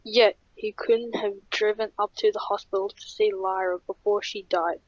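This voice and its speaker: A woman narrating a horror story in a plain, steady reading voice. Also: mid-range voice, normal speed. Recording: dull lo-fi.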